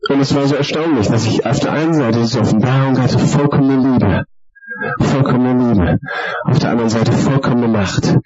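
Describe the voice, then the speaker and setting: A man preaching his personal testimony, earnest and emphatic, stretching some phrases out slowly. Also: medium pitch, over loud music. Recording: dull lo-fi recording with crowd behind.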